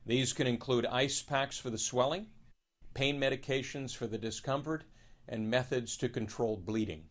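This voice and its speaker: A man plays a middle-aged oral surgeon in an educational video. He explains in a calm, formal, measured way, as scripted narration at an average male pitch. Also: lightly acted. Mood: measured, explanatory. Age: 50s.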